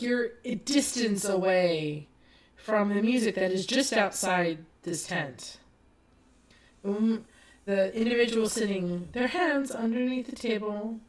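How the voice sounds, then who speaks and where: A woman narrating as game master of a tabletop horror game, slow and halting with many restarts. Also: medium pitch.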